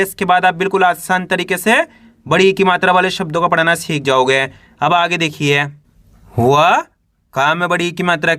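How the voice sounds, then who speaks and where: A man with a bright, forceful voice teaches beginners to read, spelling words out letter by letter and then saying the whole word. He asks his own drill questions and answers them. The recording is dry and close, with his voice pitched a bit high. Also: dry recording. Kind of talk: reading lesson for beginners.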